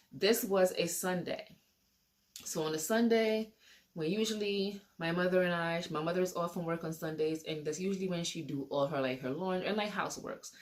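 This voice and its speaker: A woman telling a personal story to camera in a casual, rambling way, repeating and restarting her sentences. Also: on the low side.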